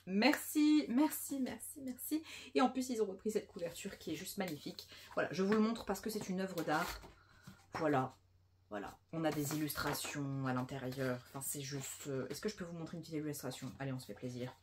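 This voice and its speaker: A woman's voice: low-pitched, fairly quick, noisy background. A woman chatting casually and enthusiastically about new books in a book vlog, saying she is a bit tired. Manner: chatty and enthusiastic, many fillers. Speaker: book vlogger.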